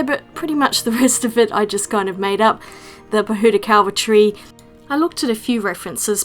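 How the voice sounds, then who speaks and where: A woman, chatting casually in a voice-over while she paints. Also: mid-range voice. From New Zealand. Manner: chatty, friendly and rambling. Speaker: watercolour artist and YouTuber.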